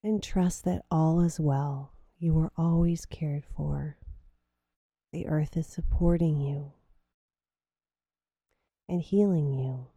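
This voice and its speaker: A woman leading a guided grounding meditation in slow, soothing, drawn-out phrases. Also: low voice, fairly even intonation, dark tone, breathy edge, no echo.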